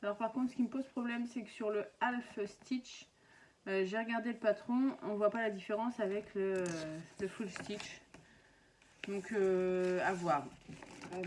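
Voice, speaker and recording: Woman, casual home vlogger, chatty and hesitant, noisy home recording. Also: medium pitch. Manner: chatty, many hesitations, talks to viewers. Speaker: craft vlogger. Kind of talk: casual unboxing chat.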